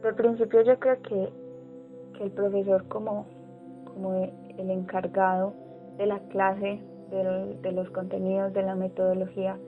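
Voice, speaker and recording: A woman's voice: medium pitch, level tone, unhurried, soft background music. A woman giving interview answers, on a narrow recording. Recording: narrow, phone-like sound.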